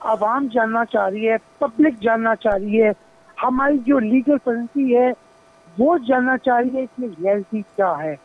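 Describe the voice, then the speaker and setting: A man, a senior advocate giving legal analysis over the phone, deliberate and dropping English legal terms into his speech. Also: very high voice. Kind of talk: phone-in interview. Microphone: telephone. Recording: tinny phone line.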